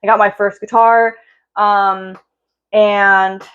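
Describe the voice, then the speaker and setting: A woman's voice: medium pitch, little pitch movement, slow pace, a bit bright, clean tone, lo-fi sound. Emotional young woman telling a personal story. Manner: rambling and heartfelt, many fillers and restarts. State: emotional, near tears. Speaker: vlogger.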